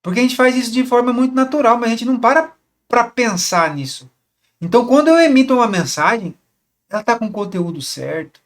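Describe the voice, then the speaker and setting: A man with a fairly high voice explains how couples should talk to each other. He speaks casually, asks his listeners rhetorical questions and often repeats a word as he looks for the next one. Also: expressive, a little fast. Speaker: relationship coach. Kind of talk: casual teaching monologue.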